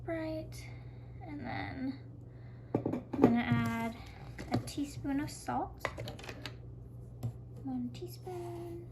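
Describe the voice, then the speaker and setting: A woman's voice: high voice, takes it slowly, long pauses. A young woman casually narrating a cooking tutorial in her home kitchen, chatty and talking through each step aloud. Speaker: cooking vlogger. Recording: noisy home recording.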